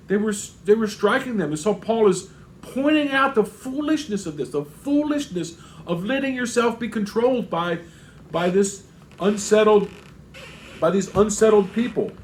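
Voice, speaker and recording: A man's voice: very high voice, slight background noise, rough recording. A man preaching an expository sermon as pastor, reading scripture aloud and then explaining it in plain asides with frequent restarts.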